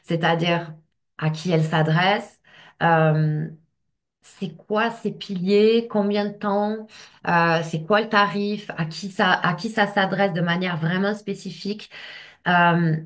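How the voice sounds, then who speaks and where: A woman's voice: lowish voice, steady tone, slow. A woman giving a casual coaching talk to camera as a business coach, speaking straight to the listener and checking in often.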